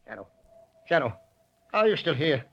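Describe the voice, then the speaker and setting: An actor playing a repentant old miser who runs a village, earnest and declamatory in an old radio drama. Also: male voice, fairly high pitch, very animated, moderate pace, creaky, a bit bright, highs cut off, full character voice. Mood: grateful. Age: older. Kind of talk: 1940s radio drama acting.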